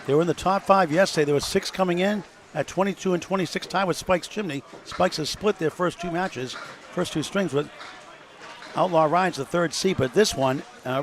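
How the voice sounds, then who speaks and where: A man with a slightly high voice chats his way through scores and standings during live bowling coverage. He rattles off numbers and schedules. Alley noise sounds clearly behind him. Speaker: color commentator.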